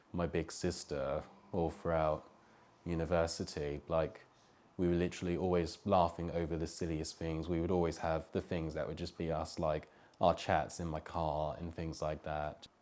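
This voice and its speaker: A young man speaking slowly and wistfully in an interview. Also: low-pitched, a little mellow. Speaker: student. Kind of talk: personal interview testimony.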